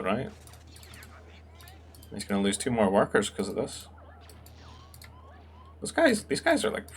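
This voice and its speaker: Relaxed low-voiced man casting a strategy game. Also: a little hiss or hum. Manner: relaxed, musing, thinks aloud with fillers. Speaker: game caster. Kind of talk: casual esports commentary.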